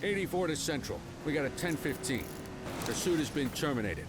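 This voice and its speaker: A cop calling in over police radio. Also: male voice, fairly high pitch, expressive, brisk. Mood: matter-of-fact. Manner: clipped radio procedure talk. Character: male police officer calling dispatch. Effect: police radio call. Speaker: police officer in a video game. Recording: game audio under loud noise.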